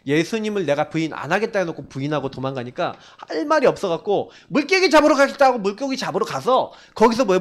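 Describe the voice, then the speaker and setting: A pastor from South Korea preaching a sermon in church, swinging between rising exhortation and hushed, low quoted lines. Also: male voice. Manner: animated preaching, quoting figures in a hushed low voice. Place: church sanctuary.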